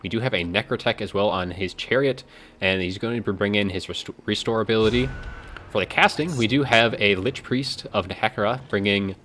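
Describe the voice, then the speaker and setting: Lower-voiced man esports co-caster, relaxed explanatory commentary. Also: a little fast, slight background noise. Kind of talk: tournament commentary.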